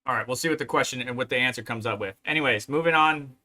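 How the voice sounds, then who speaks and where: A man's voice: mid-range voice, quick pace, pushed and bright. A man hosting a casual livestream, reading articles and chat aloud and rambling in asides. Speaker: crypto livestream host.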